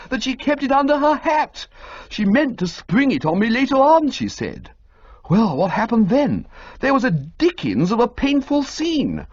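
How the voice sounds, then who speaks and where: A woman voicing an excitable, flustered young gentleman who rushes out agitated exclamations. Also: fairly low pitch, husky, no room sound, pitched above the performer's own voice, heavily acted. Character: flustered young man-about-town, excitable and dramatic. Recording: dull lo-fi recording.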